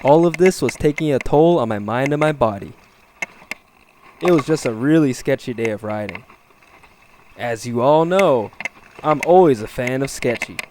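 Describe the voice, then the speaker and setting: A young man narrating his own mountain biking video in a deadpan, joking voice-over. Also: mid-range voice, moderate pace, long pauses, a little hiss or hum. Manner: deadpan jokey storytelling. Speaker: mountain bike vlogger.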